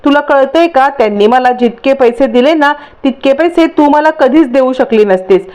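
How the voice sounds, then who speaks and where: A woman's voice: sits high, expressive, normal speed, a little mellow, voice pushed up. A woman voicing a greedy young blackmailer who talks in a taunting, insistent way in a storytelling recap.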